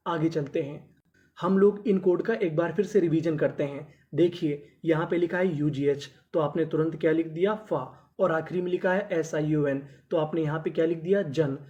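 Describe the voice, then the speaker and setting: A man teaching an English phonics lesson in Hindi. He asks questions, answers them himself, and sounds out letters slowly before blending them into words. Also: on the high side, dark tone, muffled recording.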